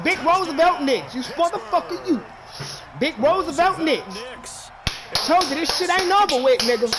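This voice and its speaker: A man with a very high voice jeers and curses at his opponent as he streams a football video game. His pitch swings widely while he shouts. A loud stadium crowd from the game plays behind him. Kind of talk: trash-talking live game commentary.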